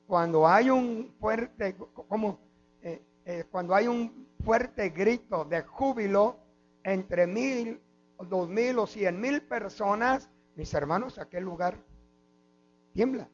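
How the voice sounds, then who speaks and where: High-voiced Mexican pastor preaching slowly. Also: male voice. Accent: Mexican Spanish. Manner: preaching with repeated "mis hermanos" and "amén". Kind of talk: sermon. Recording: dull lo-fi with mains hum.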